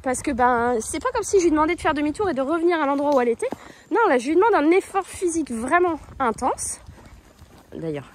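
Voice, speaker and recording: A woman with a high, light voice talks casually into a phone held in one hand while she works her horse on a country path. She explains each step and coos praise to the animal. Faint outdoor noise and hoofbeats stay in the background. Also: lively intonation, fast talker. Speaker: horse owner vlogger. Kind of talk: casual outdoor vlog commentary.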